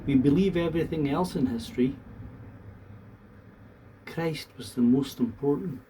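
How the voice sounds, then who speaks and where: A man from the talks to viewers in a casual, unhurried, plain-spoken and earnest monologue. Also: fairly high pitch, dark tone. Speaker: vlogger. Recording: distant mic, faint background noise.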